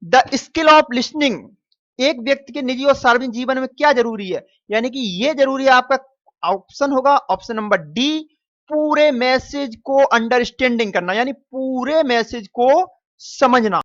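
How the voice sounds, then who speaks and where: A man's voice: very high-pitched, a bit bright. A male teacher goes through a quiz paper question by question, stretching out each answer and calling his students "dear children". He slips English phrases into his explanations. The recording is muffled and dry, with no room echo. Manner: repeats and stretches answers slowly; mixes English phrases into Hindi. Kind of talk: exam paper walkthrough lesson.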